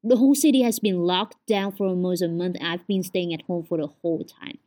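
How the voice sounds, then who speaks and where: Warm and steady, this podcast host's voice sits on the low side and moves fairly quickly. She is a young Vietnamese woman in her twenties with a Vietnamese accent and Vietnamese as her native language, chatting earnestly at home on her solo show and frequently using "like."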